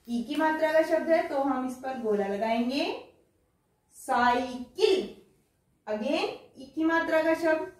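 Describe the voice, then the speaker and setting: A woman teacher giving a children's lesson, reading words out slowly and explaining them patiently. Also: sits high. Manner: slow, drawn-out word-by-word reading. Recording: echoey room, voice from far off.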